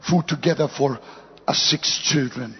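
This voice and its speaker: Slow, husky older preacher. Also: male voice, fairly high pitch. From Germany. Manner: preaches in short phrases, swells to shouts. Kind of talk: sermon with interpreter. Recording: echoey hall, dull sound.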